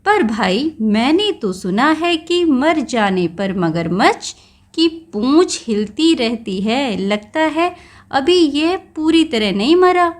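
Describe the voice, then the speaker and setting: A woman's voice: sits high, sing-song, takes it slowly, exaggerated voice. A woman voicing a clever, wary male jackal in a children's story, sounding sly and suspicious.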